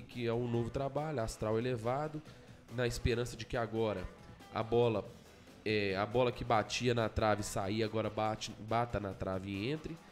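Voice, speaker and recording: A man gives an informal football preview over faint music. His voice is medium in pitch. He stumbles and repeats phrases to drive his point home. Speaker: football team commentator. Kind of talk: informal match preview commentary.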